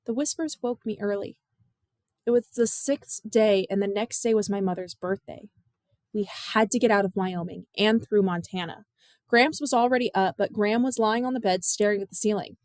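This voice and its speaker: A woman reading a novel aloud in measured, expressive storytelling narration. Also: mid-range voice, dry recording, studio quality. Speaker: audiobook narrator. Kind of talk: scripted narration.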